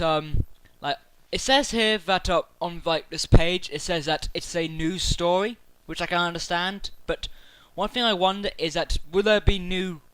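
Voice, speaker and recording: Eager rambling man, crisp forceful voice, dry close sound, casual chat. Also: sits high, dry recording, poor audio. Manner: excited, rambling, with many fillers and restarts. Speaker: video game commentator. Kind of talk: casual speculative chat to camera.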